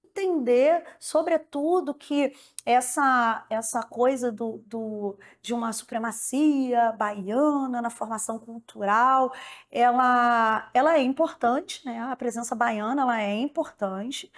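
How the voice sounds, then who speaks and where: Brief: high-pitched woman, slow, hesitant academic explanation for a documentary. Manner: deliberate, hesitant, repeating words. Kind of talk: documentary interview.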